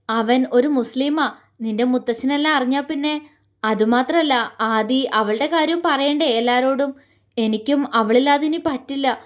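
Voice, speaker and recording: A woman voicing a gentle young man who speaks in a soothing, reassuring way. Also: high voice. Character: gentle young man comforting his sister.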